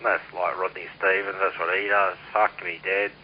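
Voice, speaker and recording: This CB radio operator is an Australian man with a deep voice, a level tone and a moderate pace. He talks casually, bluntly and at length, swearing as he goes, and the radio signal is muffled and noisy.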